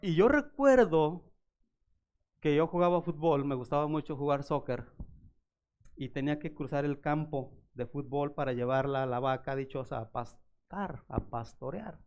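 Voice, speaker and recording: A man's voice: mid-range voice, normal speed, smooth, lo-fi sound. A male pastor, preaching a sermon through personal stories and acting out the voices of the people in them. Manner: animated storyteller acting out voices. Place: church.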